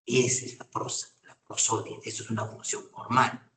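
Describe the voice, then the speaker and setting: A man's voice: fairly low pitch, level tone, moderate pace, bright, forceful tone, recorded from a distance. A man giving a university lecture, often checking in with students with short questions. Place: classroom. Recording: echoey room, voice off-mic.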